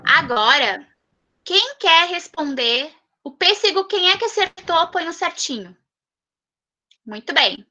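Gaucho teacher lady on a video call with little kids, high bright voice, sweet and coaxing, drags out the syllables. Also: animated. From southern Brazil. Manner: affectionate, coaxing, drawn-out emphasis on syllables. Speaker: primary school teacher. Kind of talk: online class with young children.

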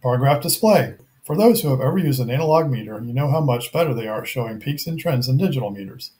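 This scripted technical product review comes from a middle-aged man whose mellow, medium-pitched voice has lively intonation. Still, his approach stays matter-of-fact, measured and methodical.

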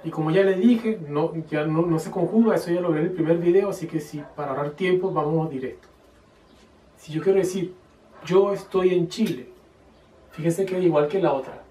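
A man gives a relaxed video lesson, working through each step slowly and spelling out example phrases with care. His voice sits a little high and carries some distance from the mic, in a roomy space that echoes with faint noise behind him. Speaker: Chinese teacher. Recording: echoey room, voice a bit far from the mic.

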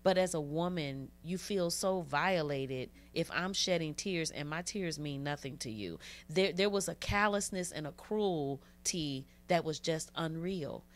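A woman's voice: deep voice, a little slow, few pauses. A woman guest in an interview, telling her own story in an earnest, heartfelt way and repeating phrases for emphasis. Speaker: interview guest, abuse survivor. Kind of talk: personal testimony in an interview.

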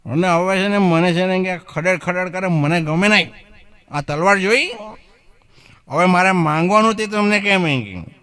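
A tipsy, sword-waving drunk with a raised, thin voice and slow, slurring words, as a male comedian puts him on. He speaks softly and drags every syllable. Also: sits high, clean tone, voice pushed up. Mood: demanding. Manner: slurred, drawn-out drunken pleading. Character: drunk man with a sword, demanding money.

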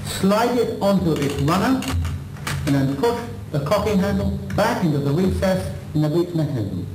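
A weapons instructor with a slightly high voice narrates a practical demonstration, formal and methodical as he works step by step. He speaks at normal speed with lively intonation. The recording is a roomy old videotape copy with faint noise.

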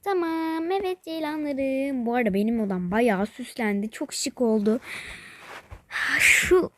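A woman talks her viewers through a mobile game in a casual, rambling way, thinking aloud and calling them by pet names. Her voice sits a little high and often sinks into a whisper. The sound is dry and close, with no room echo. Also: animated, measured pace, fairly bright tone. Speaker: game vlogger. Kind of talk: casual play-along narration of a mobile game.

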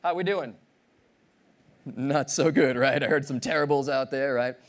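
A man in his thirties giving a motivational keynote on a large conference stage, playful and animated, teasing and quizzing the audience. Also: medium pitch, measured pace. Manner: animated, playful, audience-engaging, acts out voices. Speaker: keynote speaker.

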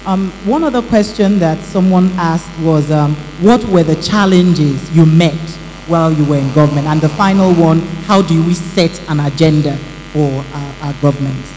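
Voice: medium pitch, normal speed, a little mellow, a little hiss or hum. A moderator reading out audience questions, hesitant with many fillers. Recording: distant voice in reverberant hall.

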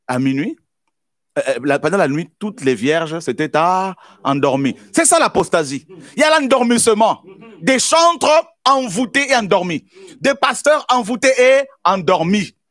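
A man preaching a sermon as pastor, with repeated exclamations and bursts of shouting. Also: high voice, animated, normal speed.

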